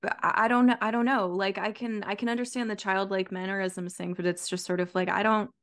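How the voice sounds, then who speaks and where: Over a video call from a room at home, a woman in her thirties hosts a podcast, chatting casually and hesitantly as she searches for words. Her medium-pitched voice is a bit bright, with a level tone and brisk pace.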